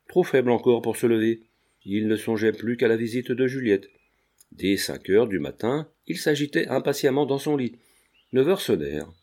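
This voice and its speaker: Male audiobook narrator, mid pitch, measured storytelling. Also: a little mellow. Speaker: audiobook reader. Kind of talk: scripted narration.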